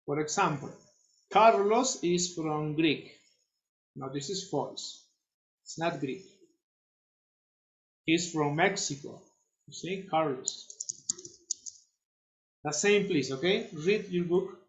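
A man teaching English to children over a video call, slow and patient, repeating his instructions. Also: on the high side, roomy sound, lo-fi sound. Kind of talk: online class instruction.

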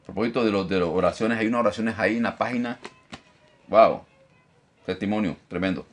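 A man teaching a Bible study as pastor, animated, often repeating phrases and checking in with his listeners. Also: fairly quick, faint music behind. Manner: lively, animated teacher who mimics critics in a high mocking voice. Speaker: pastor teaching a discipleship class.

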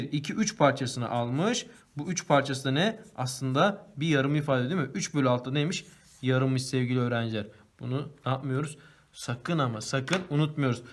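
A male teacher giving a primary school math lesson, asking the class questions and answering them himself while he draws and colors. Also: on the high side. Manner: talks while drawing and coloring on the board.

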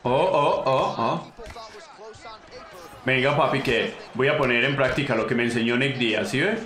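Excitable Colombian man, bright echoey voice. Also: mid-range voice, brisk. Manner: excitable, slangy, talks to the opponent, bursts into yelps. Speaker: gaming channel host. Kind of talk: casual gameplay commentary.

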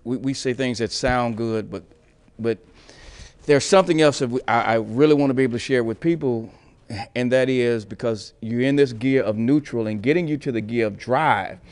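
A middle-aged man, a bishop, talking on a TV panel show with a preacher's emphasis, circling back over his words as he builds up. He sits on a studio set, miked with a lapel mic, at a middling pitch. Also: normal speed, a little mellow, clear, resonant tone. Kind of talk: panel discussion on a TV talk show.

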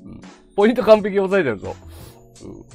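Brief: chatty male streamer, pitch leaping all over, faint music in the background. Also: fast talker, vocal fry, husky. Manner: chatty, animated, laughs a lot. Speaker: livestream host. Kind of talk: casual chat to viewers.

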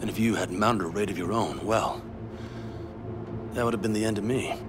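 A man voicing a stern older nomad clan leader in video game dialogue, terse and gruff, over game music. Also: lowish voice, normal speed, background noise, lightly acted. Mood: grave.

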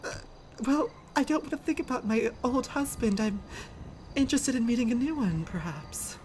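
A flamboyant, vain fashion teacher voiced by a woman, gushing "darling" at everyone. Her voice is high and swoops dramatically up and down. A faint noise sits behind her. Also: expressive, moderate pace, a little mellow, natural voice. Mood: theatrical. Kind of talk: improvised comedic roleplay.

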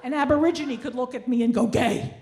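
Yiddish-inflected older woman stand-up, higher-pitched. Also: quick pace, mellow. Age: 60s. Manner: wry, self-deprecating complaining. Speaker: stand-up comedian. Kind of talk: stand-up comedy routine. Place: theatre stage, indoors. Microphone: handheld stage microphone. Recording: live stage ambience with clear noise.

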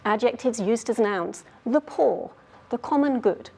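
Woman as a keen grammar detective lady, highish voice, walks thru the rules nice and clear. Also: measured pace, dark tone, heavily acted. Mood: explaining. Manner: clear, patient explaining. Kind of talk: scripted grammar lesson skit.

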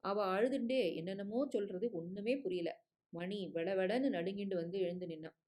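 A woman narrating a short story as an audiobook, reading in a measured, expressive way. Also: medium pitch.

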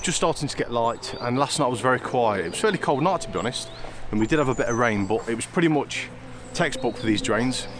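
Outdoors on a fenland drain bank, a man narrates his own fishing trip in a casual vlog, his mid-range voice animated and fast with few pauses. He's chatty and easygoing, often repeating himself, especially "it really does." Background noise can be heard.

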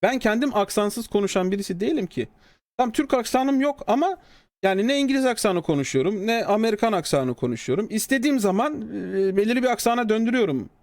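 A man talking casually on a live stream, answering a critic with heavy sarcasm. His voice sits fairly high, and the sound is dry and close. He swings between grumbling low asides and loud, high exclamations. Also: lively intonation, fast, dry recording. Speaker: streamer reading and answering a developer's comment.

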